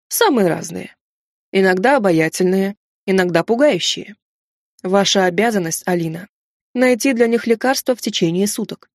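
Storybook: woman reading a measured, formal male inquisitor, even delivery. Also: mid-range voice, no room sound, studio quality, lightly acted. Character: calm, melancholy male inquisitor overseeing the shadow world.

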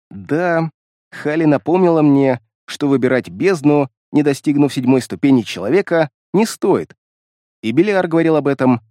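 A man's voice: fairly high pitch, warm tone, no room sound. A man narrating a first-person fantasy audiobook expressively, reading close to the mic.

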